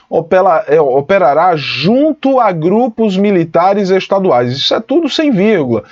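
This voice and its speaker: Man, online teacher, higher voice, muffled lo-fi audio. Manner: lively, explanatory, addresses students as "pessoal". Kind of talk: online exam-prep lesson.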